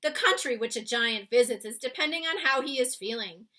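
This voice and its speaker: Reading a children's storybook aloud, a woman voices a big, friendly male giant who mangles grammar and uses nonsense words, explaining things with relish. Her voice is on the high side, bright and forceful, animated and a little fast, and the lines come out exclamatory.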